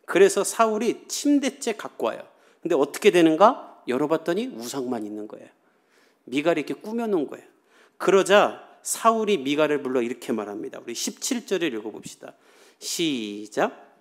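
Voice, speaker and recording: A man's voice: fairly high pitch, very animated, fairly quick. A man preaching a sermon as pastor, telling the story in a casual, chatty way and acting out the quoted lines.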